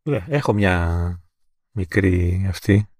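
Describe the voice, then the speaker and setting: A man with a somewhat low voice co-hosting a relaxed podcast, asking questions and laughing easily. The sound is dry and close, with no room echo. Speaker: podcast co-host. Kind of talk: casual chat.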